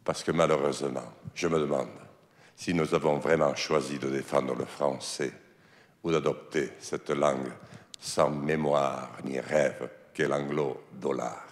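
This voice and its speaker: A man's voice: very deep voice, fairly even intonation, a little slow. A man giving a solemn speech in parliament, addressing the chair. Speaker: deputy speaking in parliament. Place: parliament chamber. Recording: echoey chamber with long reverb.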